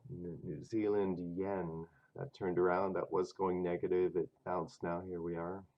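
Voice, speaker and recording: A man hosting a trading channel, talking casually over charts in a rough, stuffy voice from a cold, chatty and thinking aloud. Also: low-pitched, flat delivery, measured pace, highs cut off. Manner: chatty and self-interrupting, talks to himself over charts. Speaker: forex trading channel host. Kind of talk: casual screen-share chart commentary.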